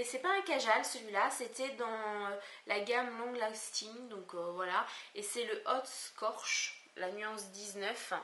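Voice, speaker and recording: A woman's voice: medium pitch, fairly bright tone, a little hiss or hum. A woman with a Southern French accent chatting through a beauty haul video, hesitant and full of fillers and restarts, recorded on a camcorder microphone at home. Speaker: beauty vlogger. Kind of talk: casual haul video chat. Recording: echoey room on camcorder mic.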